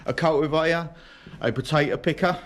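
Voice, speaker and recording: A man's voice: a little high, brisk. A British man with slurred, toothless diction, casually hosting a farm-visit vlog. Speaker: video host. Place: working farm yard and sheds. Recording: noisy on-location camera sound.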